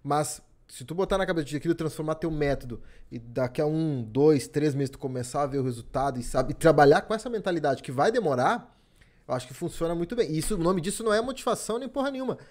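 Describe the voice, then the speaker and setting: Dude hosting, rapid fire, high-ish voice, swears a lot. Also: male voice, expressive, a little mellow. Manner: blunt, profane, motivational. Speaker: podcast host. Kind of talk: casual podcast chat.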